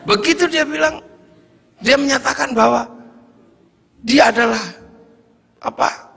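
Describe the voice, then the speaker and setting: A man preaching a sermon, telling a story and acting out its dialogue, shouting at times and dropping low at others. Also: unhurried, creaky, husky. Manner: acts out dialogue, swings between shouting and low murmurs. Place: large hall at a state palace event. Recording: reverberant hall, distant at times.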